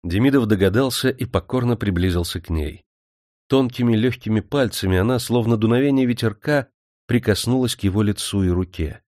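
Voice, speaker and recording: A man reading a novel aloud in a measured, even storytelling manner. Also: lowish voice, no echo, clean studio sound. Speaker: audiobook narrator. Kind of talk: scripted narration.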